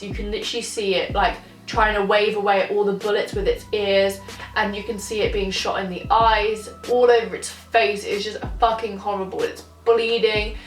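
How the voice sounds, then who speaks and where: A woman's voice: mid-range voice, steady tone, moderate pace. Young woman, chatty vlogger, sweary, roomy sound, mic far off, faint music. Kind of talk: casual chat to camera.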